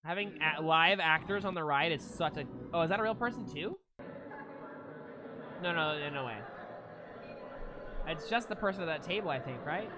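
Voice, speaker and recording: A man live-streaming, reacting to videos with excitable, swear-laden casual commentary to his chat. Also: a little high, normal speed, long pauses. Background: music from the video he watches.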